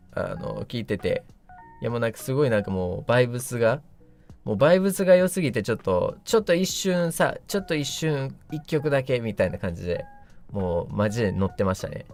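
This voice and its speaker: A man hosting a casual livestream, rambling playfully with a slightly rough morning voice. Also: medium pitch, animated, racing, darkish tone. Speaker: livestream host. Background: background music.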